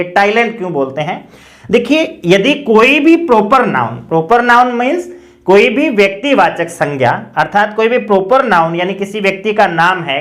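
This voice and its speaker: A teacher giving an exam-prep lesson on English phonetics, explaining step by step and sounding out each letter slowly. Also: medium pitch, fairly bright tone.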